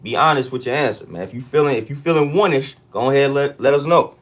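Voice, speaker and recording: A man's voice: mid-range voice, quick pace. An American man hosting a casual livestream check-in, talking in street slang and repeating hype catchphrases. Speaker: livestream host.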